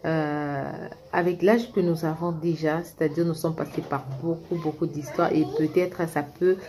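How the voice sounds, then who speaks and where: A woman's voice: deep voice, fairly even intonation, moderate pace, dark tone. A middle-aged woman from Kinshasa, a vlogger chatting through a personal story and talking straight to her viewers, often restarting her sentences. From Congo (Kinshasa). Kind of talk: casual storytime monologue.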